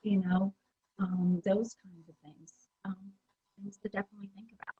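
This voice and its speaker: A woman's voice: mid-range voice, flat delivery, normal speed, warm tone, dull audio, slight background noise. A woman giving a conference presentation, talking in a conversational way with many fillers and restarts. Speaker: presenter at a user group meeting.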